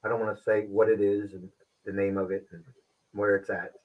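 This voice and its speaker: A man hosting a casual livestream show, talking with frequent pauses and restarts. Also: lowish voice, flat delivery, phone-quality sound. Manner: halting, pauses and restarts often. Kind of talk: casual live-stream talk.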